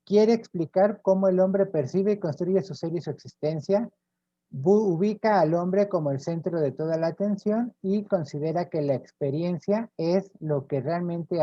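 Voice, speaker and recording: A man's voice: a little high, a little slow, warm tone, no room sound, highs cut off. A man with a Mexican accent giving a university lecture, explaining step by step and checking in with frequent tag questions. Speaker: professor.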